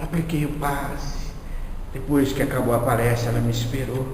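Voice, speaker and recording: A man giving a spiritist lecture, telling a story in an animated way and acting out the dialogue. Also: medium pitch, normal speed. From Minas Gerais, Brazil. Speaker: guest lecturer at a spiritist center. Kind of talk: spiritist lecture told as an anecdote. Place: spiritist center lecture hall. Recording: echoey hall reverb with faint noise.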